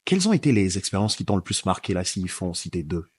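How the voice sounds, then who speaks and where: A man hosting a podcast interview, asking calm questions with hesitant fillers. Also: low-pitched, fast talker, husky, dry recording. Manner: calm, brief affirmations, hesitant "euh". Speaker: podcast host.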